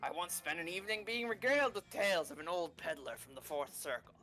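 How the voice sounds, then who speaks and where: A woman voicing a well-travelled tavern regular telling tales in a measured, knowing way for a game. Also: lowish voice, animated, sharp tone, pitched below the performer's own voice. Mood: reminiscing.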